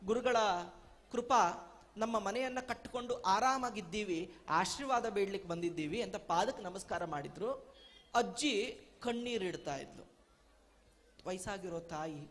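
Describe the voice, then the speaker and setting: High-voiced man giving a sermon. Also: fairly bright tone. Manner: rhythmic, storytelling, preachy. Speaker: religious speaker. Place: outdoor temple gathering.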